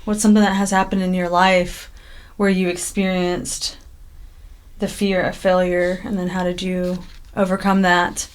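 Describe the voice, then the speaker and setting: A woman's voice: lowish voice, little pitch movement, a little slow, clean tone. A young woman co-hosting a casual podcast, easygoing and steering the talk with questions. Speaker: co-host.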